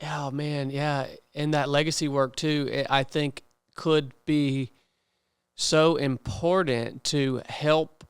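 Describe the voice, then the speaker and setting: Smooth-voiced man, earnest interview host. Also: a little high, steady tone, slow, no echo. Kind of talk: casual conversational interviewing.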